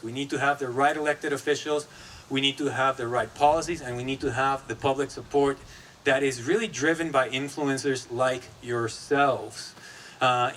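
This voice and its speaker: A man from Guatemala gives an opening keynote at a conference, speaking with an easy, conversational delivery. His voice sits at a middling pitch, and he talks with plenty of ums and restarts. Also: fairly bright tone, slight background noise. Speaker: executive director of an advocacy group. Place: conference stage.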